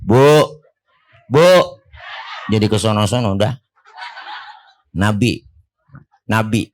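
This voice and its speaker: A man's voice: on the low side, animated, takes it slowly. A middle-aged man with a Betawi accent giving a comedic sermon at a religious gathering, joking with and teasing his audience in colloquial speech. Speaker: Islamic preacher. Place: Prophet's birthday gathering in a village neighborhood.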